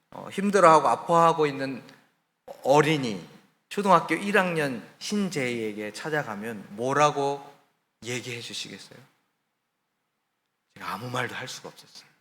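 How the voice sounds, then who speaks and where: A man who is a missionary, telling his own story in a sermon, candid and confiding, sometimes dropping soft. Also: mid-range voice, in a large hall. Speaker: missionary preacher. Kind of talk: testimony sermon. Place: church sanctuary.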